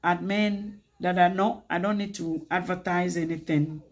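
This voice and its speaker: A woman with a Ghanaian accent hosts a casual livestream, chatting in an animated, lively way and slipping between English and Twi. Her voice is husky, with a slightly breathy edge. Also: on the low side, normal speed. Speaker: livestream host.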